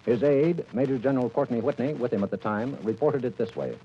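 An American man narrating news in a formal, measured, dramatic old newsreel manner. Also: medium pitch. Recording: dull, noisy vintage radio recording.

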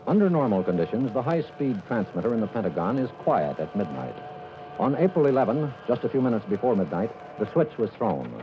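An American man narrating news in a formal, measured, dramatic old newsreel manner. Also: on the low side, sing-song, music in the background. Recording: dull, noisy vintage radio recording.

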